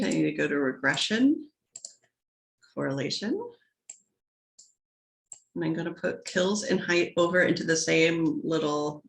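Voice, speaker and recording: A woman's voice: lowish voice, creaky, a bit bright, roomy sound. A woman teaching statistics in a casual recorded lecture, chatty and playful, interrupting herself and adding little sound effects. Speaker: statistics instructor.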